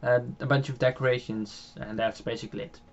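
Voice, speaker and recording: A man's voice: medium pitch, steady tone, a little fast, lo-fi sound. Rambling Dutch-accented young man gaming. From Netherlands. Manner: rambling, many fillers and restarts, chuckles often. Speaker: gaming channel host. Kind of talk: casual gameplay commentary. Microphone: home microphone.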